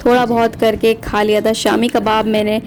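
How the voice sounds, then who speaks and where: A woman in her thirties narrating her family vlog in a calm, even voice-over. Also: fairly high pitch, moderate pace. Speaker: family vlogger and mother. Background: soft background music.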